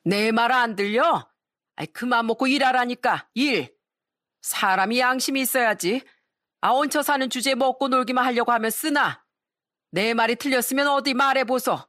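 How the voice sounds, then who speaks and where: A woman voicing a harsh, bossy mother-in-law who barks orders and sneers. Her voice sits higher and a bit louder than plain talk. The sound is dry and close. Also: normal speed, no room sound, close to an everyday voice. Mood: scolding contemptuous. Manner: scolding, contemptuous, commanding.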